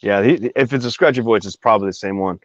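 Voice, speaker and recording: A man's voice: fairly low pitch, fast, dry recording. A man casually telling a long personal story, rambling with many fillers and asides. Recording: dry, slightly dull recording.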